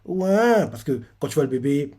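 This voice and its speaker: Mellow man rambling through a recap. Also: a little high, very animated, moderate pace, husky. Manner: rambling, filler-heavy retelling. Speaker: manga reaction host. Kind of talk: casual chapter recap.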